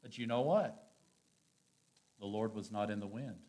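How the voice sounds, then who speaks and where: A man preaching a sermon, reading scripture aloud and commenting on it, swinging from hushed, slow phrases to loud, emphatic peaks. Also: fairly low pitch. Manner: reads scripture aloud and adds his own commentary.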